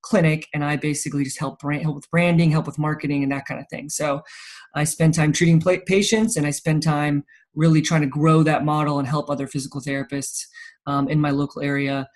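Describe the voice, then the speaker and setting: A physical therapist and entrepreneur in his thirties, from Charleston, South Carolina, chats casually as an interview guest. He has an American accent though Swiss German is his first language, and his slightly high voice is brisk and level in tone.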